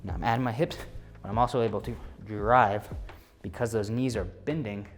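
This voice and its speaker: A man's voice: lowish voice, fairly even intonation, moderate pace, soft background music. A man teaching a martial arts class as instructor, giving short, clipped counts and commands and explanations of drills. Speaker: taekwondo instructor.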